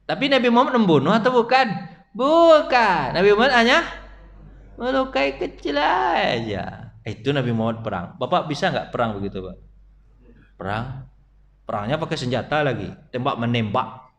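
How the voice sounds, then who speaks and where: Speaking briskly in a voice on the high side, a middle-aged man preaches at a mosque study session. He tells stories with animation and asks his audience questions.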